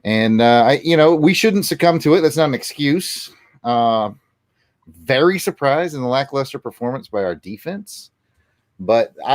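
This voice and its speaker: A man co-hosting a casual sports show, talking as a passionate fan in an emphatic, deliberate way with drawn-out stresses. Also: medium pitch, dry recording, studio quality. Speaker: sports podcast co-host. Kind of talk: casual fan talk and ranting about college football.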